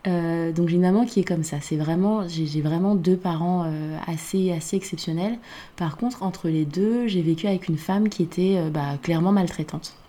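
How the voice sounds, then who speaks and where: A woman's voice: lowish voice, normal speed, mellow. A woman from Côte d'Ivoire talking in a casual podcast conversation, reflective and hesitant, with many fillers.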